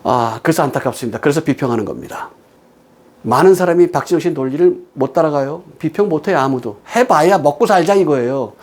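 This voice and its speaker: A man's voice: fairly high pitch, expressive, a little fast. Emphatic storytelling male preacher. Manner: storytelling with quoted dialogue, emphatic rhetorical questions. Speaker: pastor critiquing sermons. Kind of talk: conversational sermon commentary.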